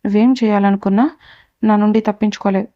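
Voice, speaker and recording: A woman voicing a cold, powerful young businessman who lays out accusations and threats in a steady voice. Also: mid-range voice, fast talker, dry recording, close to an everyday voice. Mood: threatening. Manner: coolly menacing, lays out accusations. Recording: dull, dry recording.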